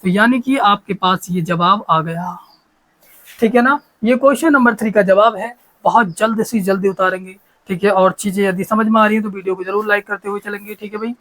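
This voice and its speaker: A man's voice: high voice, steady tone, brisk, fairly bright tone, rough recording. Coaxing male maths teacher. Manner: repetitive, coaxing, checks understanding often. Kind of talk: chalkboard maths lesson.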